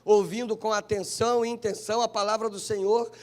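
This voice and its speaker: A man with a Brazilian Portuguese accent, a pastor preaching a sermon in church with fervent, repetitive emphasis and drawn-out phrases. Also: high voice, level tone.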